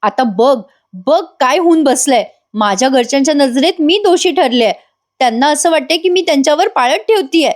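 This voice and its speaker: A woman's voice: high voice, expressive, moderate pace. A woman voicing an upset young wife who quarrels with her husband in a pleading, exasperated way.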